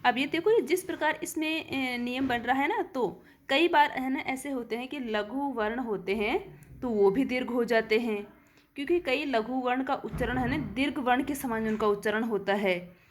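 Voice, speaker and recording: Woman, teacher; patient lesson voice, sits a little high, counts out loud, quizzes the class. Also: moderate pace. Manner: counts syllables aloud, asks and answers her own questions. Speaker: Hindi literature teacher. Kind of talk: classroom lesson on verse meter.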